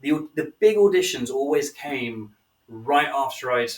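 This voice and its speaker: A man's voice: medium pitch, lively intonation, a little slow. English-accented male guest, wry storyteller, mic a little distant. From England. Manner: self-deprecating anecdotal storyteller. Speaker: guest producer. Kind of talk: casual podcast chat.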